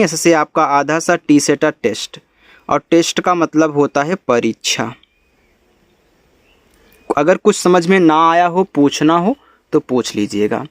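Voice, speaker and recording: Guy teaching english spelling, a bit high voice, dry close sound. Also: no echo. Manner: spells out letters slowly, then explains in Hindi. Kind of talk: spelling lesson.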